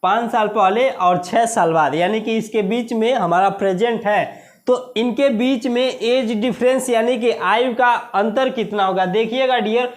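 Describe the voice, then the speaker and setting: A man with an Indian accent teaching a maths lesson for exam preparation, repeating key words slowly and asking the class questions. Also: high-pitched. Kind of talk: exam-prep video lesson.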